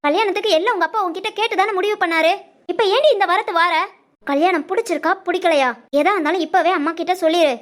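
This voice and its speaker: A woman voicing a fussy village mother hurrying her daughter in an animated family story, with a southern Tamil Nadu accent and a scolding, nagging manner. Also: extremely high pitch, fast talker. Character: fussing village mother of the bride.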